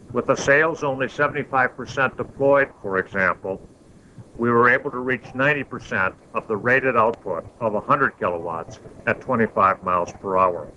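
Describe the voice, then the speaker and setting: Bright-voiced man narrating a dull-sounding promo. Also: medium pitch. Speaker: infomercial narrator. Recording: dull lo-fi, faint background noise.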